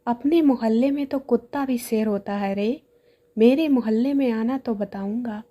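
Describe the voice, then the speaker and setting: A woman's voice: fairly high pitch, moderate pace, warm tone, close to an everyday voice. A woman reading a joke, voicing a boastful, defiant little male mouse.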